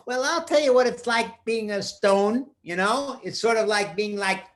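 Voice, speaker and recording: A man's voice: high voice, normal speed, a bit bright, pitched above the performer's own voice. An older man voicing a chatty little brother in a rambling children's story, explaining things.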